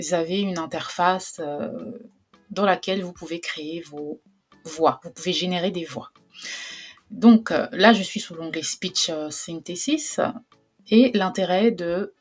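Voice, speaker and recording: Woman, low-pitched, chatty tutorial voice-over, lots of hesitations, soft music behind. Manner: chatty, hesitant, many fillers, laughs easily. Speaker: tutorial host. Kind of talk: casual screen tutorial.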